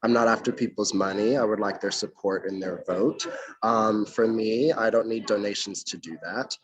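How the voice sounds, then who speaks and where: A man's voice: on the low side, steady tone, normal speed, rough recording. A young man from North Carolina, a mayoral candidate, answering interview questions formally over a video call from outdoors, with frequent ums. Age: young adult.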